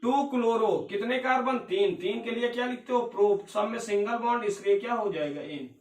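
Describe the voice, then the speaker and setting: High-voiced male teacher in an echoey room. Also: normal speed, recorded from a distance. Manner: energetic, repeats questions and answers them, calls students beta and bhaiya. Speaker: chemistry teacher. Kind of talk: classroom lecture with call-and-response questions.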